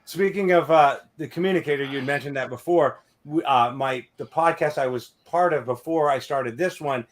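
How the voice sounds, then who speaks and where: A man with a voice on the high side chats at a moderate pace as he hosts a podcast. His stories wander, and he keeps adding filler tags like "or whatever."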